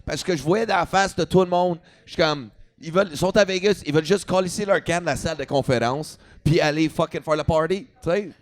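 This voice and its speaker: A young man with a Quebec French accent tells a comedy story in a relaxed way. His voice sits a little high for a man, and he swears often and switches into English for lines. He is speaking on a podcast. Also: brisk, few pauses. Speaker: comedian guest. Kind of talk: casual storytelling. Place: podcast studio at a comedy festival.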